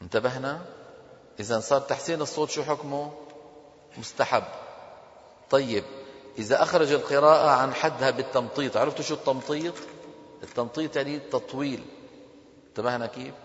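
Teacher in an echoey hall. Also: male voice, medium pitch. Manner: asks the class questions and answers them himself. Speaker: teacher of Quran recitation. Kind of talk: classroom lesson. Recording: dull echoey hall recording.

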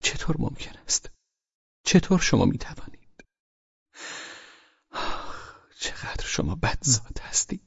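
A man's voice: on the low side, expressive, creaky, darkish tone, slightly rough, no room sound, highs cut off, voice pushed up, full character voice. A man voicing a sullen, distrustful young girl in an audiobook, with a raised, half-whispered voice. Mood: reproachful. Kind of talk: audiobook character voice.

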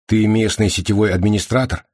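A man's voice: on the low side, steady tone, brisk, a little mellow, no room sound, studio quality, pitched above the performer's own voice, close to an everyday voice. A man voicing a blunt, sardonic male mental patient in an audiobook, cold and sarcastic. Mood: probing. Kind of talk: audiobook character voice.

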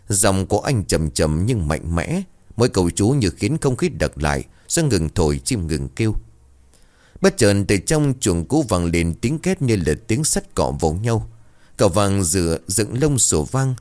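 A man narrating a ghost story in a slow, atmospheric storytelling manner. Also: low-pitched, a little mellow.

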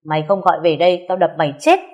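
A woman voicing an angry, stern middle-aged father who shouts and scolds. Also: lowish voice, steady tone, very fast, close to an everyday voice. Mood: furious scolding.

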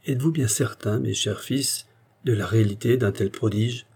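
A man's voice: fairly low pitch, normal speed, darkish tone, husky. A man voicing an old male Dominican hermit priest with a solemn, fatherly preaching manner. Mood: gentle preaching.

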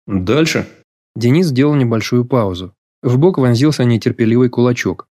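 Calm male audiobook narrator. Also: medium pitch, dry recording, studio quality. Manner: measured, even storytelling. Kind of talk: scripted literary narration.

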